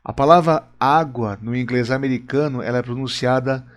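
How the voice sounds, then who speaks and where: A Brazilian English teacher works through a video lesson at the whiteboard in his room, going step by step and regularly checking in with the audience. His pitch is medium and his pace moderate, with soft music playing in the background.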